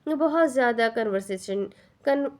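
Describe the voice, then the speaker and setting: A woman's voice: fairly high pitch, expressive, a little mellow, voice pushed up, natural voice. A woman voicing a cold, blunt female barrister who slips English phrases into her speech. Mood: smug. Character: cold sharp-tongued female barrister, young adult.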